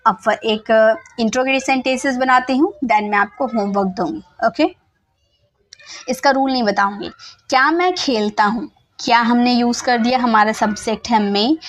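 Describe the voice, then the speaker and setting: Patient woman teaching English, slightly high voice. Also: fairly bright tone. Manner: patient, repeats each sentence slowly, checks in with "ठीक है". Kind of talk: casual explanatory lesson.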